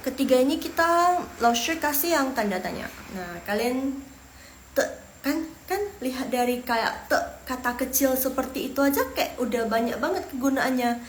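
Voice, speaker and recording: Indonesian woman, casual online language teacher, chatty, drills pronunciation; roomy echo, faint noise. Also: sits high. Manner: chatty, repeats words slowly for pronunciation. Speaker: Mandarin teacher.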